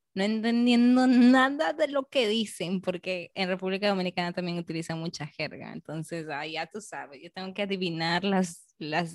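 Peruvian woman interviewing in a low voice. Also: dry recording, studio quality. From Peru. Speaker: interviewer, host. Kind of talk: casual conversational interview.

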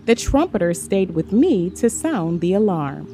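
A woman giving a measured, steady scripted Bible reading. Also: mid-range voice. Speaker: scripture reader. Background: faint background music.

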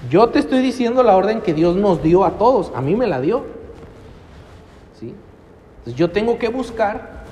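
A man's voice: sits high, warm tone, slight background noise. A middle-aged man with a Mexican accent preaching a sermon in a church hall, emphatic and full of rhetorical questions. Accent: Mexican Spanish. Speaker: pastor. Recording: long church hall reverb.

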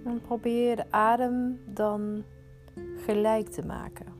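A woman leading a guided meditation, giving soothing, unhurried instructions with pauses. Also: fairly high pitch, level tone, music in the background.

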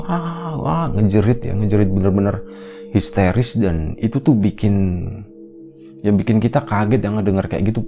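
Deep gravelly man telling a spooky story. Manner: relaxed, rambling, conversational retelling. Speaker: podcast storyteller. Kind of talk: casual horror storytelling.

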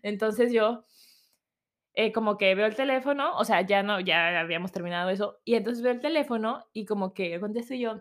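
A woman's voice: mid-range voice, brisk. A young woman with a Mexican accent, telling a personal story in casual, chatty storytelling. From Guadalajara, Mexico. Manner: chatty, animated, acts out quoted voices.

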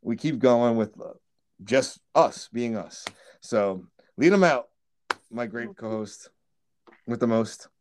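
A man co-hosting a horror podcast in loose, joking chat. His voice sits at an everyday middle pitch, and he teases his co-host and laughs a lot. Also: takes it slowly, slight background noise. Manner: joking, teasing, laughs often.

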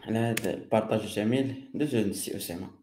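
A man's voice: lowish voice, racing, echoey room, noisy background. A man with a Moroccan accent casually moderating as host, recorded with a distant room sound.

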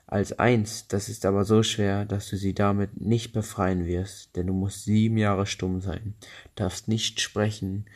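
A man's voice: fairly low pitch, flat delivery, a little slow, darkish tone. A man voicing a stern old wise woman of the forest in a fairy tale he reads aloud, solemn and a little raised in tone.

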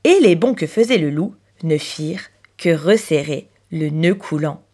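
A woman narrating a children's story in an expressive, animated storybook manner. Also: deep voice, unhurried.

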